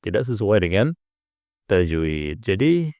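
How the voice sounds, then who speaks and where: A man teaching correct recitation, explaining patiently and repeating points, breaking into drawn-out chanted examples. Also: lowish voice, very animated, a little mellow, no room sound. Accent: Indonesian. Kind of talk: instructional explanation with chanted call-to-prayer examples.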